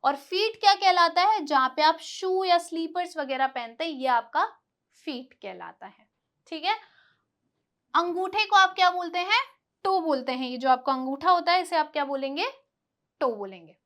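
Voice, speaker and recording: A woman teacher with a very high, bright voice runs a vocabulary lesson. She patiently explains each word and stresses how it is pronounced. She drills her listeners by asking questions and answering them herself. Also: animated, moderate pace.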